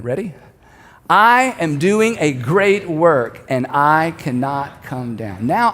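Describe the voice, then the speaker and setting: Middle-aged male pastor, storytelling sermon, higher voice, long hall reverb. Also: breathy edge. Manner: storytelling, rising to emphatic calls with the congregation.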